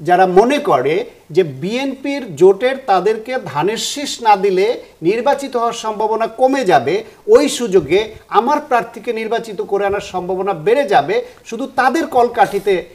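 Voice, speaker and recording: A woman at a mid-range pitch giving commentary as a guest on a political talk show. She builds her argument point by point and presses it with pointed questions. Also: expressive, normal speed, darkish tone.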